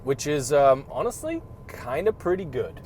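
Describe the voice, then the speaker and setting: A man co-hosting a car review, bantering in an animated, teasing way, outdoors beside a vehicle. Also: a little high, normal speed, a little hiss or hum. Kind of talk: casual banter.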